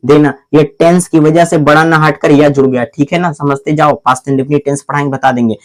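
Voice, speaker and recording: Guy teaching grammar, kinda high voice, keeps asking then answering his own questions, spells stuff out slow. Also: steady tone. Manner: addresses the viewer as "my brother"; slow, deliberate spelling out of letters. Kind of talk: classroom-style grammar lesson.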